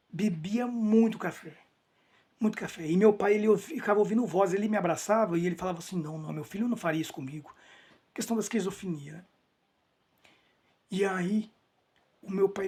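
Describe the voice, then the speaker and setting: A man with a husky, slightly breathy voice gives an emotional personal testimony. He speaks earnestly and repeats key phrases for emphasis. His sentences often break off and start again. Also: high voice, a little mellow. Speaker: church member giving a testimony.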